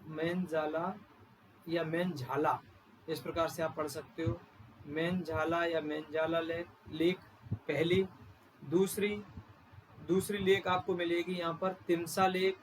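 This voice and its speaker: A male teacher giving an exam-prep geography lecture, pointing at a map and slowly repeating and spelling out place names. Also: sits high, slight background noise, low-quality recording.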